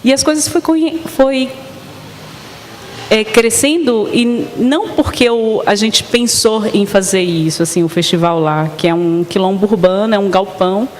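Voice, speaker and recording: A woman's voice: mid-range voice, a little slow. Woman, dancer, earnest storytelling, panel talk, hall reverb, faint noise. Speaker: dancer and festival organizer. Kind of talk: panel discussion. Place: arts center stage.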